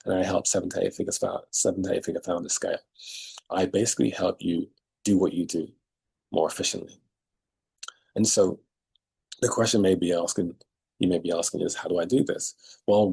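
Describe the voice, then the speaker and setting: A man's voice: low voice, creaky, darkish tone, breathy edge, rough recording. A man speaking as a leadership coach in an emphatic motivational monologue to camera, repeating key phrases for effect, recorded outdoors.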